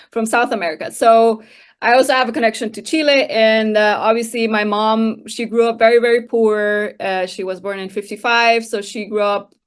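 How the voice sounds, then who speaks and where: Costa rican woman in her 30s, guest on a podcast, explains stuff slowly w lots of pauses and "like"s. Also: a little high, steady tone, smooth. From Costa Rica. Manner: thoughtful, explaining with frequent hesitations and "like". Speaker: guest researcher. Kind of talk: conversational interview answers.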